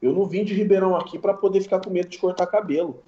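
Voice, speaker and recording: A man's voice: sits high, very fast, roomy sound, highs cut off. A man, a guest barber, telling stories in slangy casual chat. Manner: relaxed slangy storytelling, sound-effect words. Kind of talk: casual storytelling in a podcast chat.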